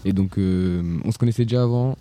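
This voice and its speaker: Soft, deep-voiced teenage boy from off-mic. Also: a little fast. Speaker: young guest.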